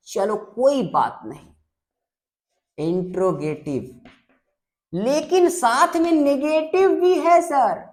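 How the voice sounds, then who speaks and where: A woman teacher explains English grammar at an unhurried, deliberate pace. Her voice sits a little high, and she patiently repeats each sentence pattern for her students. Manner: patient, addresses students as "babu". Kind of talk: classroom grammar lesson.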